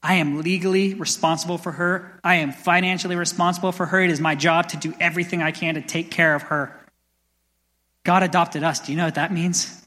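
A young man preaching a sermon as pastor, energetic and building to loud passionate peaks, in a church sanctuary. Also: on the high side, brisk. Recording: long church hall reverb.

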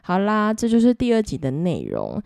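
A woman's voice: medium pitch, wildly swooping pitch, normal speed, gravelly, a little mellow, dry recording, clean studio sound. A young woman with a Taiwanese Mandarin accent hosts a podcast. She tells a ghost story in a casual, chatty way and speaks straight to her listeners. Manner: chatty, addresses listeners directly. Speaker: podcast host.

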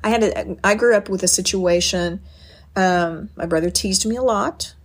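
A woman's voice: medium pitch, moderate pace, breathy edge. A middle-aged woman giving an earnest teaching talk on parenting, explaining with personal stories and often restarting her sentences. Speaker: speaker on parenting and boundaries.

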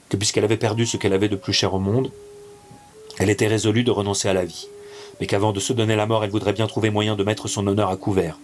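Low-voiced man reading a tale. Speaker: narrator. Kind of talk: literary reading over music.

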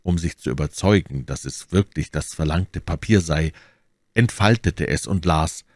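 A man narrates a classic novel in a very low, slightly husky voice, with measured, expressive pacing. The recording is close and dry, with no room sound. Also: no echo. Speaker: audiobook reader. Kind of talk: reading a classic novel aloud.

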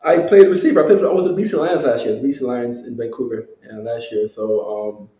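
Being interviewed, a Jamaican football player in his thirties keeps things casual and repetitive, leaning heavily on "you know" and other verbal tags. He speaks at a quick pace with a warm, medium-pitched voice in a reverberant space.

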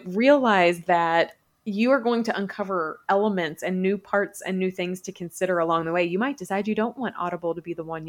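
A woman hosts a podcast in a relaxed, chatty way. Her voice sits a little low for a woman, and it springs upward whenever she gets animated. She sounds expressive and conversational. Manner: animated, expressive, often leaps up in pitch. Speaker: podcast host. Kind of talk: casual podcast chat.

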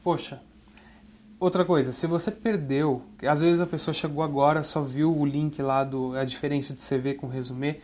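A man co-hosting a casual podcast, brisk, chiming in with short affirmations and wrap-ups. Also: on the high side, steady tone, a little mellow, a little hiss or hum. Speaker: podcast co-host.

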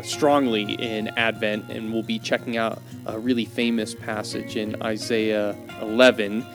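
A pastor speaks casually and warmly to podcast listeners. His voice sits at an ordinary middle pitch. A gentle guitar plays faintly behind him. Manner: relaxed, conversational, with fillers. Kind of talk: podcast introduction.

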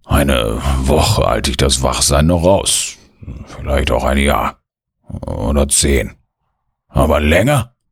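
A man's voice: extremely low pitch, lively intonation, takes it slowly, vocal fry, slightly rough, dry recording, studio quality, exaggerated voice. A man doing a grumbling old forest sprite. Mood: sad. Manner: grumbling, weary, sighing.

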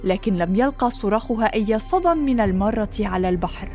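A woman narrating a children's story aloud in an expressive, animated way. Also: mid-range voice, fast, music in the background.

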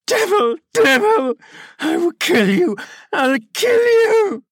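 A frail, sickly young man shrieks and screams in wild, helpless rage. The voice leaps far above the reader's own, thin and high. Close, dry audiobook sound. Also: very animated, takes it slowly, no echo, full character voice. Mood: shrieking fury.

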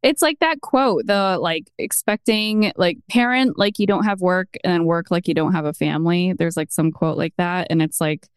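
A woman in her thirties, a podcast guest, telling her story in a chatty, animated way. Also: lowish voice, normal speed, few pauses, clean tone, no room sound, studio quality. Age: 30s. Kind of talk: casual conversational interview.

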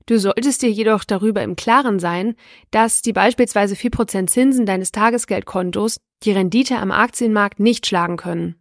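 A woman's voice: mid-range voice, normal speed, no room sound, studio quality. A woman hosting a finance podcast, reading a scripted explainer in a structured, instructional way that addresses the listener directly.

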